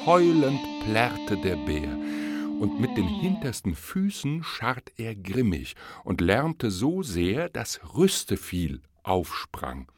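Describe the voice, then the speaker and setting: A man narrating a verse fable as an audiobook, in a measured, expressive storytelling manner. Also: medium pitch, soft background music.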